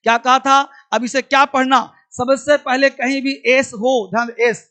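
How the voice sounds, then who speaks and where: A man's voice: extremely high pitch, little pitch movement, a little slow, pushed and bright. A man teaching an online English pronunciation class, repeating each point and quizzing his students affectionately. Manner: repetitive, drilling and quizzing students; affectionate, calls students child.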